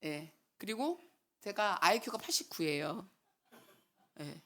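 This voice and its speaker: A woman's voice: mid-range voice, takes it slowly, heavy background noise. A middle-aged woman preaching a sermon in a church, talking back and forth with the congregation and acting out quotes. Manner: animated, talks with the congregation and acts out quotes. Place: church hall.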